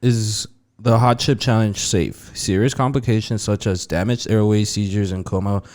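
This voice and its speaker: A man's voice: lowish voice, steady tone, moderate pace, a little mellow. A man co-hosting a podcast, chatting casually in a slangy, joking way. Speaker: podcast co-host.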